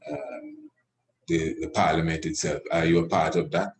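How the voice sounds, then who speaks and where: A man's voice: a bass voice, flat delivery, moderate pace. A man hosting a casual interview, often interjecting with short affirmations. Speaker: interview host.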